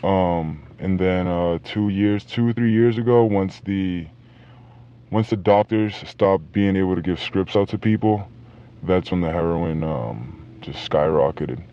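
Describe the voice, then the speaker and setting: A former drug dealer, a man whose voice is electronically disguised and shifted low, talks haltingly in a casual interview with many fillers and restarts. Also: dark tone, smooth. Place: inside a moving car. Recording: dull lo-fi sound with faint noise.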